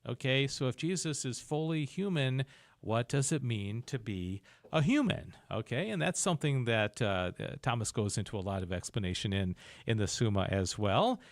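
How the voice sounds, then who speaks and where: A man's voice: mid-range voice, dry recording. Dry-sounding man explaining theology casually. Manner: explanatory, repeats "okay?" and restarts, chuckles. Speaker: podcast host explaining Thomistic philosophy. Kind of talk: casual teaching chat.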